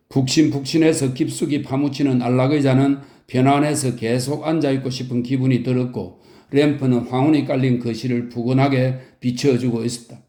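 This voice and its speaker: A man reading a novel aloud as a calm, soothing bedtime audiobook narrator. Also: mid-range voice, echoey room.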